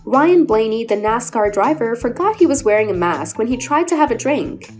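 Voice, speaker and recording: A woman's voice: on the high side, animated, moderate pace, a little mellow. A woman reading scripted narration as the narrator of a video compilation. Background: background music.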